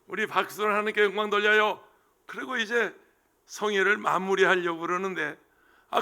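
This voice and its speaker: High bright-voiced preaching pastor. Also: male voice, vocal fry. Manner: emotional storytelling, swings from hushed asides to shouting. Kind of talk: sermon.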